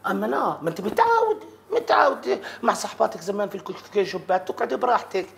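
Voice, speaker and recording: A man's voice: high voice, big pitch swings, fast, creaky, a bit bright, a little hiss or hum, heavily acted. A man playing a bossy, jealous husband who scolds his wife nonstop in a comedy sketch. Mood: nagging. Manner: nagging, scolding, quarrelsome.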